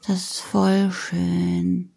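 A woman's voice: fairly low pitch, completely flat delivery, gravelly, dark tone, breathy edge, full character voice. A woman playing a stubborn little girl. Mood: earnest. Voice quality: slow, drawn-out childlike speech.

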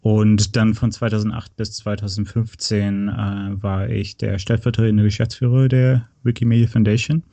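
A man's voice: fairly low pitch, level tone, mellow, dry recording. A man from western Germany with a slight American accent in his German, talking hesitantly and casually as an interview guest. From North Rhine-Westphalia, Germany. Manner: hesitant, halting delivery with frequent pauses. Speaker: podcast guest.

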